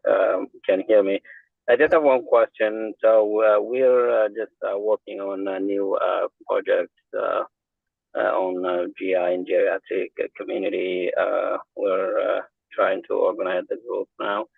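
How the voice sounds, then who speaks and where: A man driving while calling into an online meeting from his car, asking a question haltingly with many fillers. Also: low voice, level tone, vocal fry, husky, no echo. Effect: calling in from a car on a speakerphone. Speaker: doctor in a research meeting. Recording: tinny phone line, dry.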